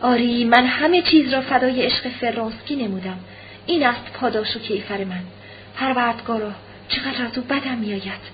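A woman reading an audiobook, voicing an anguished, proud young noblewoman in a quiet, subdued way; slightly muffled recording with faint hiss. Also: a little high, close to an everyday voice. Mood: sorrowful.

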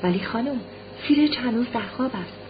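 An elderly manservant addressing the lady with careful courtesy, in a fairly high voice, as a woman reader puts him on; the recording is dull with a faint hiss. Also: lively intonation, close to an everyday voice. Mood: polite. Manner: formal and polite. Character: old male house servant, courteous. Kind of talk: audiobook reading.

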